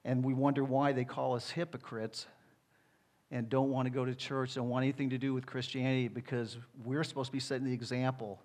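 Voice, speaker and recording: A man's voice: medium pitch, flat delivery, brisk, darkish tone. A middle-aged man, a pastor, preaching a conversational sermon with rhetorical asides to the congregation.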